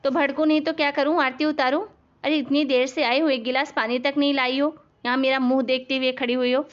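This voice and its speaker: A woman voicing a spoiled, bossy young married daughter in an animated family story, snapping and shouting orders. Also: high-pitched, fairly quick, muffled recording, close to an everyday voice. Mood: angry. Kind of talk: animated cartoon voice acting.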